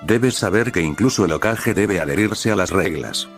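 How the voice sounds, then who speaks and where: A man's voice: sits low, animated, moderate pace, faint music behind. A man voicing a flustered, rule-bound adult male ninja teacher in a storybook reading, earnest and explanatory.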